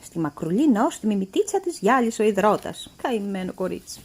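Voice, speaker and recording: Expressive woman reading a story. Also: medium pitch, breathy edge. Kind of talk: read-aloud storytelling.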